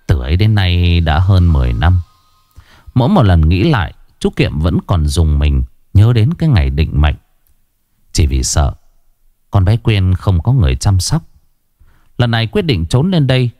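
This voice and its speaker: Deep-voiced man narrating a horror story. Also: mellow, dry recording, clean studio sound. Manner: dramatic, shifting delivery.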